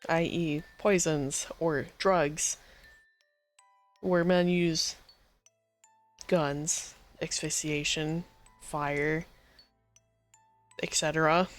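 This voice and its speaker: Woman, streamer, casual gaming commentary, unhurried, profane, incredulous, faint music behind. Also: low-pitched. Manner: swearing, incredulous, excitable reactions.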